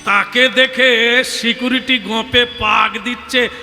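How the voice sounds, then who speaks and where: High, bright-voiced male kirtan preacher. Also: takes it slowly. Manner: animated, dramatic, addresses the audience directly. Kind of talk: devotional storytelling sermon. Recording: long hall reverb with music.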